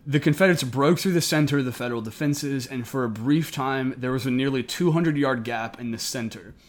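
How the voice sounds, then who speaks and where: A man narrates history as a podcast co-host. His voice sits at an average pitch, and he follows a semi-scripted account. He is recording indoors, up in the attic of an old house. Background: air conditioning may be running.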